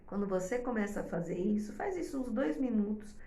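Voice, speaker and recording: A woman's voice: mid-range voice, expressive, a little fast, warm tone, slight background noise. A woman talking casually to mothers, explaining step by step and checking in often with her listeners. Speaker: host giving advice to mothers. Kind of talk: casual advice talk to viewers. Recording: echoey room.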